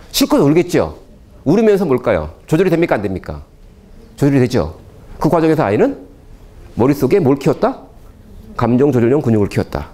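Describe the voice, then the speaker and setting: A man giving a lecture to parents, constantly firing rhetorical questions at the audience. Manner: animated, swooping pitch.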